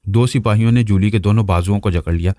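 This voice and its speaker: A male storyteller reading a novel aloud with a low, mellow voice. His delivery is steady and even, and the sound is dry and close with no room around it. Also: quick pace, no room sound. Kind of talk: novel narration.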